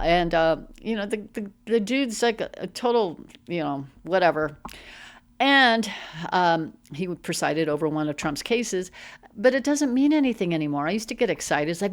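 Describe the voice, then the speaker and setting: A woman hosts a casual political commentary show. She reads items aloud, then cuts in with animated, exasperated asides. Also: fairly low pitch.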